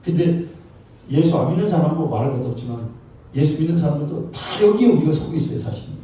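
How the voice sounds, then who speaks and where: A male pastor preaching in a conversational way, asking rhetorical questions and dropping in short affirmations. His voice is very warm and dark, a bit high for a man. It is heard from well off the mic in a big, very echoey church hall. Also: animated, fast talker, far from the mic. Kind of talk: sermon. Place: church sanctuary.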